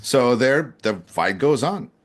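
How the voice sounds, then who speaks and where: Talk show host, male, mid-pitched voice, animated and sarcastic, drops into mocking quoted voices. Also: slow pace. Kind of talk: political talk show conversation.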